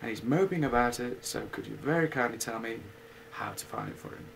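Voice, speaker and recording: A man's voice: mid-range voice, brisk, vocal fry, fairly bright tone, slight background noise, poor audio. A man voicing a humble, simple-minded small male teddy bear in a bedtime story, earnest and dreamy.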